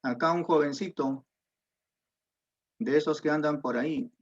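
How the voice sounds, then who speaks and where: Male math teacher, high voice, slow unhurried delivery, quizzes the class as he explains, muffled lo-fi call audio. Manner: patient, explains step by step, asks students questions. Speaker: secondary school math teacher. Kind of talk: online geometry class. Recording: dull lo-fi audio.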